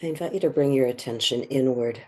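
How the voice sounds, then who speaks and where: Speaking at a medium pitch, a meditation guide moves gently through the session, calm and contemplative. Each phrase is soothing and measured, followed by a long pause.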